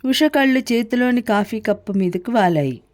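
A woman narrating a novel in a steady, expressive storytelling style. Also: on the high side, moderate pace. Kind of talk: scripted narration.

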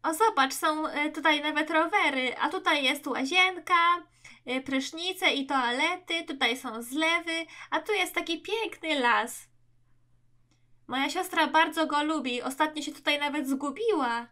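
A woman voicing a friendly, chatty toy girl showing a newcomer around. Her voice is high and bright. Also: unhurried. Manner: chatty, explaining.

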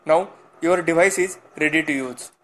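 A man talks through a phone reset tutorial in short instructional steps. His voice sits a little high for a man. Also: normal speed. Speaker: tech channel host.

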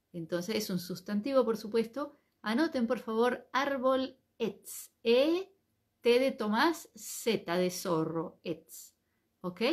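A woman teaching a live online Hebrew class, speaking patiently and spelling each word out letter by letter. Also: fairly high pitch.

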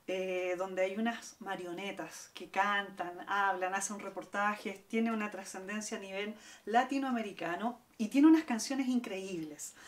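A woman teaching a guitar lesson, explaining step by step and counting out the strums. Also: medium pitch. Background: acoustic guitar playing.

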